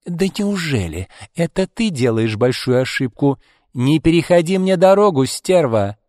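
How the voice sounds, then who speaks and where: A man's voice: mid-range voice, lively intonation, moderate pace, a little mellow, no echo, studio quality, long reverb tail, voice pushed up, close to an everyday voice. A man voicing a spiteful, jealous young woman who sneers and hisses threats. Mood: spiteful, menacing.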